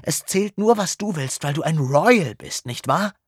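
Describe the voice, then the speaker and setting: Man voicing a furious husky teenage girl. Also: fairly high pitch, animated, a little slow, no room sound, studio quality, pitched above the performer's own voice. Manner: furious, accusing. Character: angry teenage schoolgirl, sharp-tongued and proud.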